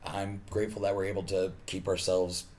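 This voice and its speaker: A man guesting on a podcast, talking in a measured way and hesitating with fillers now and then. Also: low voice, completely flat delivery, a little mellow, slight background noise. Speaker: podcast guest, haunt actor. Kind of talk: casual podcast chat.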